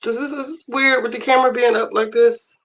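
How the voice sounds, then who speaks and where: A woman with a hoarse voice chatting casually on a livestream while she cooks in her kitchen. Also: a little high, steady tone, brisk, fairly bright tone, poor audio. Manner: chatty, multitasking while cooking. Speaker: livestream host. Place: home kitchen, running water. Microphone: phone camera.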